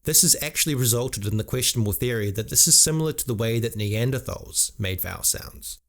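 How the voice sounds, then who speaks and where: A man with a New Zealand accent giving clear, lightly wry scripted narration for an explainer video. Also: mid-range voice, animated, a little fast, fairly bright tone.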